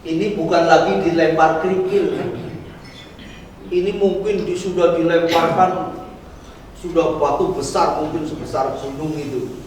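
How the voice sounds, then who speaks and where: A man's voice: fairly high pitch, fairly even intonation, a little slow, long pauses, slight background noise. A man preaching a dawn sermon in a mosque, explaining terms and putting questions to the congregation. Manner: explanatory, asks the audience questions. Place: mosque prayer hall. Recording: echoey hall from far off.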